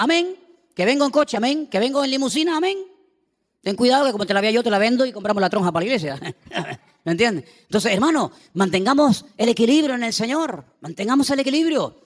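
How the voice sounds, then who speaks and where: Animated preacher in a reverberant church. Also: male voice, high-pitched. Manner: animated preaching, acting out biblical voices, asides to congregation. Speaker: pastor. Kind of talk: sermon. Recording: long reverb of a church hall.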